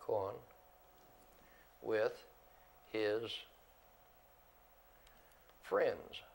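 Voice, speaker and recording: Slow, low-voiced male English teacher. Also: expressive, vocal fry. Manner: switches between English and Spanish, slow and deliberate, repeats words. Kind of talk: classroom grammar lesson. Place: classroom.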